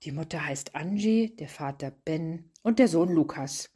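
A woman reading a Christmas short story aloud in a calm, storybook narration. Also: low voice, a little slow, breathy edge.

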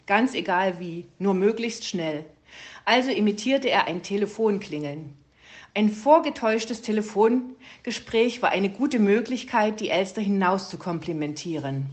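A woman narrating a children's storybook in a calm, even storytelling voice. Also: medium pitch. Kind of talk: storybook reading.

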